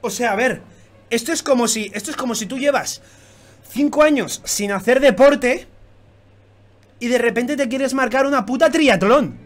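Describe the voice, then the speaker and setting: A man doing excited reaction commentary, swearing constantly and bursting into shouts. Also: very high-pitched, moderate pace, long pauses. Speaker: YouTube manga reactor.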